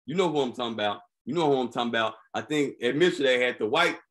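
A man's voice: mid-range voice, quick pace. A man hosting a podcast, riffing on news stories in a casual, comedic, slangy way and constantly checking in with the listener. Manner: animated, slangy, keeps asking "you feel me". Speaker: podcast host.

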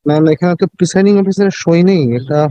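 High-voiced, rapid-fire, defensive Bengali man. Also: steady tone, warm tone, clean tone, no room sound, muffled recording. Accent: Bengali Indian. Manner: deferential, defensive, halting with repeated words. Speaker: government election returning officer answering in court. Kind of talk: answering questions in a court hearing.

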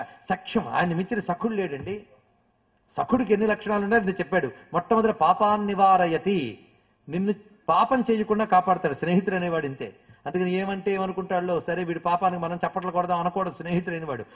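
A man giving a devotional discourse who slowly chants Sanskrit verses and then explains them, speaking emphatically and addressing his listeners directly. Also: high voice, highs cut off. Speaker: spiritual speaker. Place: hall with a live audience.

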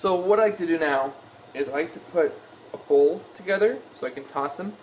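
A young home cook, talking to the camera while he works, runs a playful, offhand cooking tutorial from his own kitchen. He speaks a little fast in a slightly high voice. Picked up by the camera mic on a wide-angle camera on the counter, the sound is rough, with some hiss or hum.

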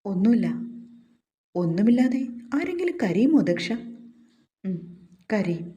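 A woman voicing a hurt, defiant young wife who answers with sharp, scornful retorts in a storybook reading. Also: medium pitch, very animated, unhurried, lo-fi sound.

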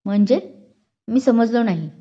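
A woman's voice: a little high, expressive, unhurried, mellow. A woman voicing a young male police inspector who is polite, eager and chatty. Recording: dull lo-fi recording.

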